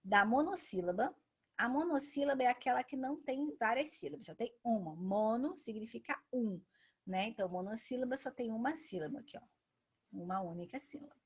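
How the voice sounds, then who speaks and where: A woman teacher giving a patient grammar lesson, saying example words slowly and twice. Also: on the high side, lively intonation, husky. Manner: patient, says each example word twice.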